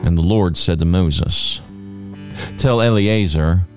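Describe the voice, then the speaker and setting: Slow, deep-voiced man reading scripture. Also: darkish tone, soft background music. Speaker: scripture reader. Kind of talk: Bible reading.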